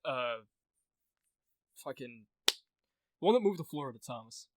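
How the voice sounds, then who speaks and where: A young man co-hosting a podcast, telling a story casually, animated, swearing often and restarting his sentences. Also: mid-range voice, moderate pace, noisy background. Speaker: podcast co-host.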